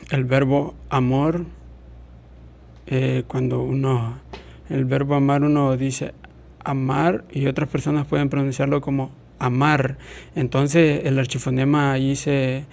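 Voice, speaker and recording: A man explaining a phonetics lesson in a hesitant way, with many pauses and restarts. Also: fairly high pitch, creaky, a little mellow.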